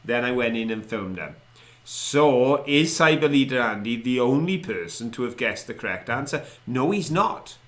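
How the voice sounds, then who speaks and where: A man's voice: mid-range voice, animated, normal speed, fairly bright tone. Echoey Welsh Valleys man chatting. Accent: South Wales Valleys. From South Wales Valleys. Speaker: co-host of an online show. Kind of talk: casual chat with viewers. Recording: roomy, echoey indoor sound.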